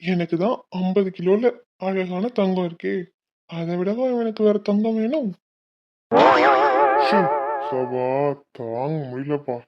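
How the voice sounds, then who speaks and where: A single performer carries the male and female parts of a home-made animated cartoon, shifting from friendly school chatter to a son's pleading and a brother's harsh scolding. The sound is slightly dull and muffled, the pitch sits mid-range. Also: measured pace, pauses often, faint music behind. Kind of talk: animated Tamil cartoon voice acting.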